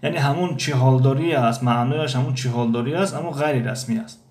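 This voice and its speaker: A man teaching a language lesson from a textbook, explaining phrases with many hesitations and slow repetitions. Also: mid-range voice, a little mellow. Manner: hesitant, many pauses and fillers, repeats phrases slowly. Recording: echoey room.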